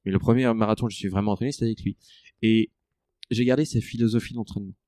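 A man in a relaxed interview, talking through his running training with many fillers and restarts. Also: on the low side, racing, no room sound, studio quality. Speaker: ultra-trail runner guest. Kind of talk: conversational interview.

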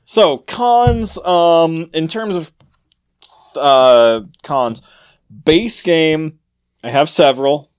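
A man co-hosting a board game podcast, telling dad jokes deadpan and then talking through his thoughts in a halting, casual way. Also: fairly high pitch, clear, resonant tone. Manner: deadpan joke-telling, halting when thinking. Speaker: podcast co-host. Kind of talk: casual chat.

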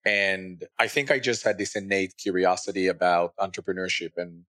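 Low-voiced man from Israel, thoughtful founder guest, dry sound. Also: steady tone, moderate pace, sharp tone, dry recording. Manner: thoughtful, with frequent restarts. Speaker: podcast guest, startup founder. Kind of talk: interview conversation.

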